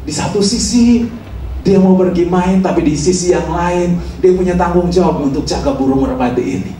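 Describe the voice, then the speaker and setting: A man's voice: sits high, moderate pace, warm tone. A male pastor preaching a sermon in a church hall, telling a story in a colloquial way and often prompting "amin". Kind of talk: sermon with a told anecdote. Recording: echoey hall, mic from far off, faint noise.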